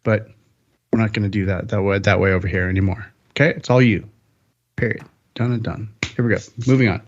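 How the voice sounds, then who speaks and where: A man's voice: fairly low pitch, steady tone, fairly quick, muffled recording, a little hiss or hum. A man hosting a car podcast, chatting casually and upbeat, rambling with jokes. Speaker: podcast host.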